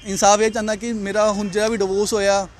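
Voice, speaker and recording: A man's voice: sits high, flat delivery, fast, crowd noise. A young man, agitated in a street interview, repeating himself. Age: young adult.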